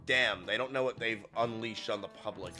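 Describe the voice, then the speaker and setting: A man's voice: lowish voice, normal speed, over loud music. A man chatting loosely while playing a game, joking and swearing often. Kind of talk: casual gaming chat.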